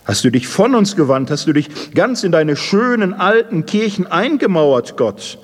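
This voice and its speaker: A man voicing a bitter young male war survivor who reproaches God in a low, subdued voice, with a husky tone. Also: very animated, unhurried, heavily acted. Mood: bitter accusation. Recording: long hall reverb.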